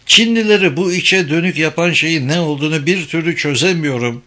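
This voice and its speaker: A man's voice: fairly high pitch, fairly quick, sharp tone, voice pushed up. A man reading an audiobook voices a confident young woman journalist who teases her companion. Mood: teasing, self-assured. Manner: teasing and self-assured.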